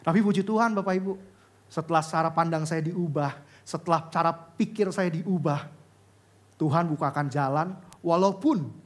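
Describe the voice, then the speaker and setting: Male pastor, expressive sermon delivery moving between loud exclamations and hushed confession. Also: a little high.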